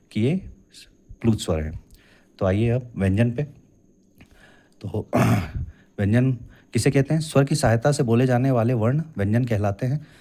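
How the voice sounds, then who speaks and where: A man's voice: medium pitch, warm tone. A young man teaching a classroom lecture as an exam coaching teacher, patiently explaining and drawing out sounds to demonstrate them.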